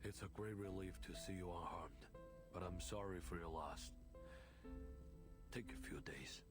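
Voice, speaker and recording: An actor playing a calm commanding officer who speaks softly and with concern. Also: male voice, sits low, a little slow. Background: game music.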